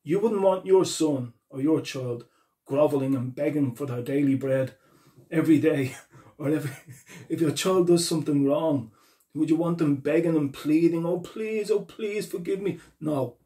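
A man delivers an earnest sermon with a mellow, darker tone that sits a little high in pitch. He reads scripture aloud and explains it, often repeating chapter and verse as he goes. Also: moderate pace. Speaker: preacher.

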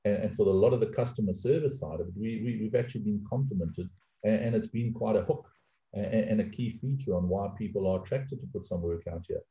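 A middle-aged South African man speaks emphatically as an outsourcing panelist on a webinar from his home office over a video call, often restarting and repeating words. His voice is fairly low, mellow, and a little fast. The audio is echoey, dull and lo-fi.

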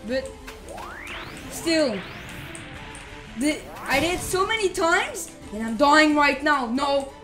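A female gamer giving excited live gameplay commentary, repeating exclamations and casual slang like bro. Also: high voice, slow, long pauses, over music. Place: voice-over on screen-recorded gameplay, game music behind.

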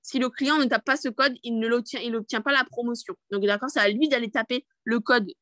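A woman's voice: on the high side, fairly even intonation, brisk, bright, forceful tone, dry recording. A young woman leading a live online training over a video call, chatty and upbeat, with many fillers and restarts. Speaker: network marketing trainer.

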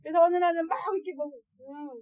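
A woman speaking as an adoptive mother to other parents, telling stories in a lively way and often laughing. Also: very high-pitched, quick pace, no room sound, muffled recording. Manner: lively, acts out quoted voices and laughs often. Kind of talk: storytelling lecture to parents.

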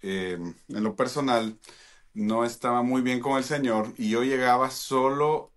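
A middle-aged man from Guatemala tells his story with playful jokes and an easy, chatty flow. He sits at a studio mic in a home studio, and his voice sits at a middle pitch. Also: steady tone, measured pace. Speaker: guest. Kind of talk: casual chat. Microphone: studio mic with headphones.

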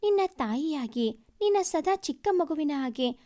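A woman's voice: high voice, expressive, measured pace, warm tone. Woman doing a doting elder brother. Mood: tender. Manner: tender, doting and teasing toward his sister. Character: loving, protective young adult elder brother.

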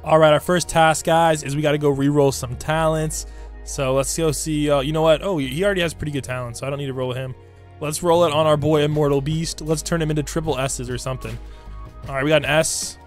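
A man with a hoarse, raspy smoker's voice, recovering from losing it, giving slangy, hyped game commentary to his viewers over music. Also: fairly high pitch, steady tone, a little fast. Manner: slangy hype talk addressed to viewers. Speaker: gaming YouTuber. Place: indoor room at a computer. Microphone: desk microphone close to the mouth.

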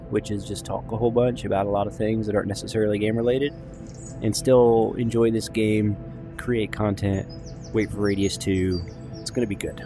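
A man giving casual, rambling gameplay commentary as a video host, chatty, informal and self-deprecating. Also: lowish voice.

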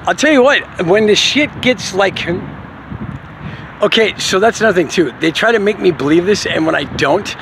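A man's voice: high-pitched, expressive, moderate pace, creaky, a bit bright, slight background noise. A middle-aged man venting in a rambling, profane monologue to camera, swearing constantly and laughing now and then. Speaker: vlogger.

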